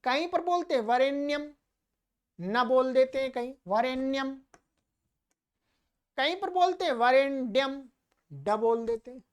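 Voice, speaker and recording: मंत्र सिखाती ऊँची आवाज़ वाली महिला. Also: female voice, sits high, lively intonation, clean tone. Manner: chants slowly and loudly, then explains quickly. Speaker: teacher of Vedic mantra pronunciation. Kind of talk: recitation lesson.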